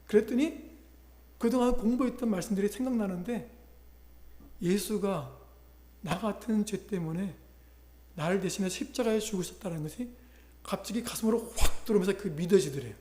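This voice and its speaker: A man's voice: high voice, normal speed, long pauses, mellow, reverberant. A male pastor preaching a sermon, retelling a conversion story and voicing the people in it. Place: church sanctuary.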